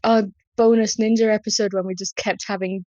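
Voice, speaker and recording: A woman talks casually as a podcast host. Her voice sits at a middling pitch and is recorded dry, with hardly any room sound. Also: little pitch movement, brisk, a little mellow, no echo, highs cut off.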